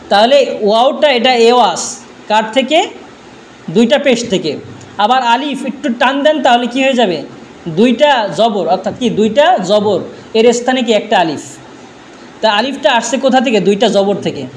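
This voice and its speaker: Male teacher, very high voice, drills by question and answer, faint background noise. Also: lively intonation, normal speed. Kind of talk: classroom grammar lesson.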